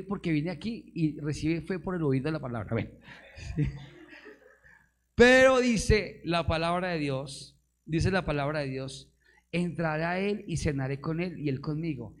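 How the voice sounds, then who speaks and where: Pastor preaching with call-and-response. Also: male voice, a little high. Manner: call-and-response with the congregation, rhetorical questions, bursts of emphasis; playful, laughs with the audience. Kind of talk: live sermon.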